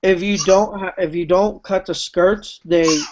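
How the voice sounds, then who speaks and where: A man's voice: high-pitched, fairly even intonation, a little slow. A young man hosting a casual livestream chat, chatty and rambling with lots of fillers, heard over a video call. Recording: muffled video call audio.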